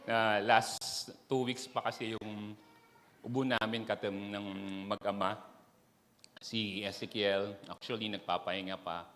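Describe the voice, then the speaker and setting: Male church speaker, slow and halting, still recovering from a cough, reverberant church hall. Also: fairly low pitch, flat delivery, a bit bright, a little hiss or hum. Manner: halting, self-deprecating, many fillers. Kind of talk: Taglish sermon.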